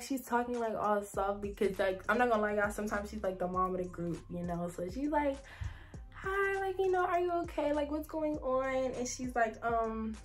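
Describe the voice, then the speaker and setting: A young woman vlogs a casual storytime, rambling chattily with heavy "like" fillers and addressing her viewers directly as "y'all." Her voice is on the high side and a little mellow.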